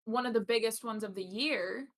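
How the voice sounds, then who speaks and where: A woman's voice: a little high, normal speed, fairly bright tone. A young woman co-hosting a podcast, telling a story in casual chat with hesitant ums. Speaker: podcast co-host.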